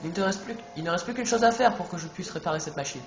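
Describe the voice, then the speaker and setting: Brief: gremlin repairman, a man reading the part, brisk and high. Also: animated. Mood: eager. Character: gremlin mechanic with a wrench. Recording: echoey room, music behind.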